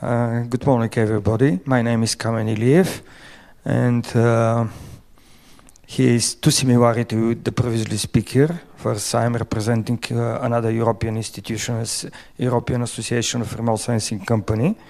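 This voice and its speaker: A man with a Bulgarian accent presents at a conference in English, his second language. He speaks at a middle pitch, stopping often to search for words and filling the gaps. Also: level tone, a little mellow. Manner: halting, frequent pauses and fillers.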